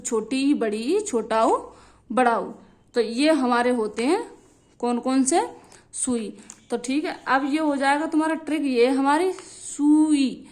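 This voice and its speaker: A woman's voice: high voice, takes it slowly, a little mellow. A young woman teaching a lesson, repeating key phrases and checking in often with her students. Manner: repetitive, drilling phrases, frequent checks like "theek hai".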